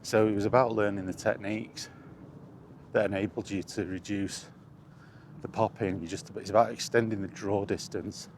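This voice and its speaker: This gaming vlogger, a middle-aged man, keeps a steady tone in a lowish voice at normal speed. His monologue about video games wanders casually and reflectively, with phrases repeated for emphasis. Background ambience comes through clearly.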